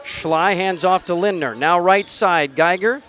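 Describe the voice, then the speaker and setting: A man's voice: high voice, measured pace, fairly bright tone. An American man calling a basketball game live for radio, with conversational, folksy asides. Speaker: radio play-by-play commentator.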